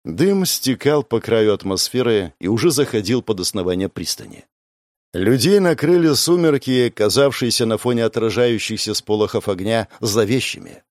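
A man narrating an audiobook in an expressive, measured way. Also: fairly low pitch, no room sound, clean studio sound. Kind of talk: scripted narration.

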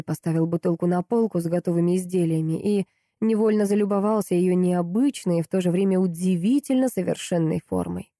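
A woman with a medium-pitched voice narrates an audiobook in a measured, expressive storytelling style. The recording is dry and clean, with studio quality.

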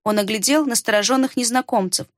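A woman reading a fantasy story aloud in a steady, measured narration. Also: on the high side, dry recording, clean studio sound. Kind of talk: scripted audiobook narration.

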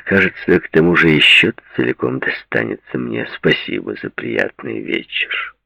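A man voicing a weary grown man with a dry, flat delivery, close to his own narrating voice. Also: rumbling low, moderate pace, gravelly, slightly rough, dry recording, full character voice. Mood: sullen. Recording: dry, slightly muffled audiobook recording.

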